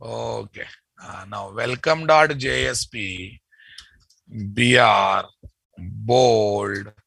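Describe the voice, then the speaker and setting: A male coding instructor with a Telugu Indian accent speaks to his students at a measured, slow pace. His voice is sharp and forward with a creaky edge. He restates instructions and keeps tagging questions onto the ends of his sentences. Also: lowish voice, dry recording. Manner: repeats phrases, ends with checking tag questions. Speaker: programming instructor. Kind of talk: live coding lesson, addressing students.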